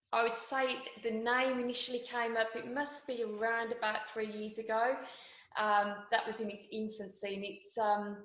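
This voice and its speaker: A West Midlands woman in her forties, a nurse and skincare founder, chats casually as an interview guest with plenty of ums and restarts. Her voice is on the high side with a fairly bright tone, captured in an echoey room with dull, lo-fi sound.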